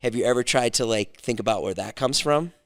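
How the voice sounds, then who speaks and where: A man's voice: mid-range voice, brisk, no echo, studio quality. A man in his forties co-hosting a podcast, asking probing, teasing questions in casual chat. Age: 40s. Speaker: podcast co-host.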